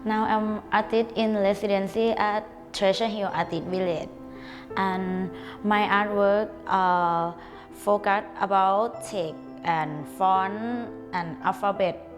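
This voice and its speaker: Woman artist, soft and slow, hall reverb. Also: medium pitch, steady tone, faint music behind. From Thailand. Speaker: artist in residence. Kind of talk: documentary interview.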